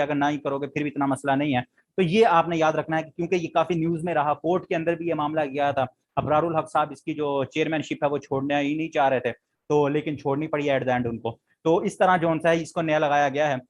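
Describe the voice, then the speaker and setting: A man with a Pakistani Urdu accent teaching a current affairs lesson for exam prep. He repeats key facts and quizzes his students as he goes. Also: fairly high pitch.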